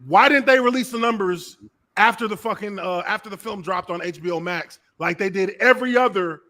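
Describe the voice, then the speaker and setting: A man's voice: high-pitched, fairly quick, pushed and bright. A man as a panel guest talking in emphatic casual chat and swearing freely. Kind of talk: casual live-stream chat.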